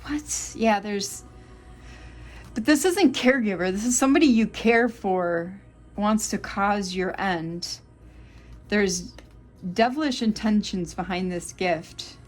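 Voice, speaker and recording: A woman's voice: medium pitch, slow, soft background music. A woman giving a tarot reading to her viewers, exasperated, muttering and swearing between cards. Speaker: tarot reader.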